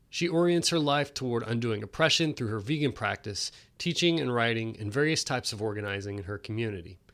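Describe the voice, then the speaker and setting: A man's voice: on the low side, fairly bright tone. A man hosting a podcast who introduces his guest and asks friendly questions with some hesitant fillers. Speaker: podcast host. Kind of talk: casual interview conversation.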